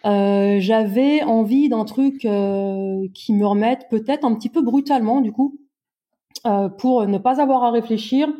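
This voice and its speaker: A woman in her forties from Brittany, speaking as a podcast guest in a hesitant, self-mocking way with many pauses. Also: on the high side, dull audio. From Brittany, France. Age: 40s. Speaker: guest, amateur endurance runner. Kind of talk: podcast interview.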